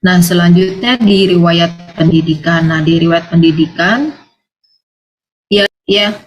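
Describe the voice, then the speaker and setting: A woman presenting an official staff briefing over a video call, her voice choppy and breaking up, talking in a steady, instructive way with frequent fillers. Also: on the low side, unhurried, faint music behind, poor audio. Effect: choppy, breaking-up video call audio. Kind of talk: explaining a procedure over an online meeting.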